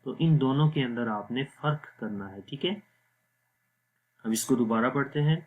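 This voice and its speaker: Guy teaching quran reading, explains letter by letter then recites real slow, mid pitch. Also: narrow, tinny audio.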